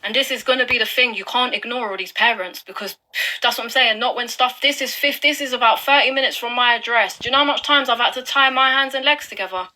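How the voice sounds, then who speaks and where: Upset woman, bright high voice. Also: fast talker. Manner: upset, urgent and emphatic, swears. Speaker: video blogger. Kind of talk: live commentary on online records.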